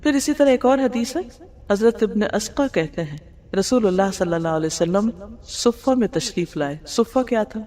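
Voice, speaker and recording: A woman's voice: medium pitch, lively intonation, mellow. A woman teaches a religious lesson in an explanatory way. She asks her listeners rhetorical questions and drops English words into her speech. Her voice carries a long reverb, as in a large hall. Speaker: Islamic teacher. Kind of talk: religious lecture explaining hadith.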